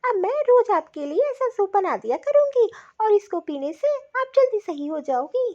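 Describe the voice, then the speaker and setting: A woman's voice: extremely high pitch, very animated, moderate pace, warm tone. A woman voicing an earnest, dutiful young daughter-in-law in a cartoon story. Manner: earnest, eager to please. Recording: dull lo-fi audio.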